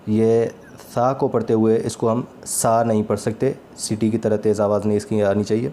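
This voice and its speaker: A man teaching Quran recitation in a calm, patient spoken lesson, sounding out each letter slowly and repeating it. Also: on the low side, slight background noise.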